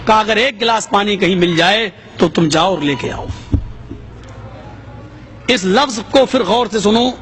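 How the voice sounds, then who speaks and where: Brief: male preacher, storytelling sermon, high voice, dramatic swells, faint noise behind. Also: a bit bright. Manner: dramatic, rising pitch for quoted voices.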